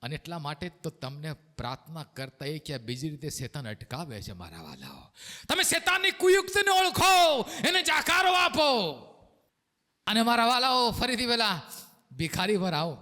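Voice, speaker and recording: A male pastor preaching a sermon, swinging between shouted lines and hushed low ones. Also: huge pitch swings, moderate pace, in a large hall.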